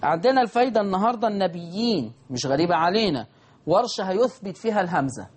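A man with an Egyptian Arabic accent teaching Quran recitation rules, answering imagined student questions and chanting verses slowly. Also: sits high, lively intonation. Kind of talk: televised recitation lesson.

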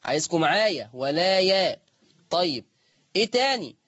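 Man, Egyptian accent, recitation teacher, high voice, dry close sound. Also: very animated, fairly bright tone, husky, no room sound, lo-fi sound. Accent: Egyptian Arabic. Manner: explains step by step in colloquial speech, chants recitation examples slowly. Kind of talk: lesson on the reading of Warsh.

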